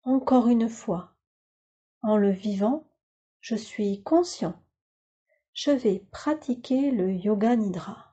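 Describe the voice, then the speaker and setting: Guiding a yoga nidra relaxation, a woman speaks in soothing, measured, instructional phrases with a fairly high pitch and a breathy edge. The recording's highs are cut off.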